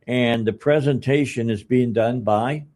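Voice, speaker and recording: A man in his seventies hosting a talk radio show from a studio, speaking in a rambling, halting way with lots of "uh"s and restarts. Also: medium pitch, a little mellow. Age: 70s. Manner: rambling, halting, many uh's and restarts, chuckles often. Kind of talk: casual radio chat.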